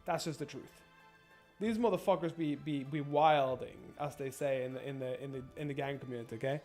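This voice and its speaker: A man's voice: mid-range voice, quick pace, a little mellow, soft background music. Rambling, foul-mouthed man streaming a game. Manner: profane, rambling, stammers and repeats himself. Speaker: gaming streamer. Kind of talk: casual gameplay commentary.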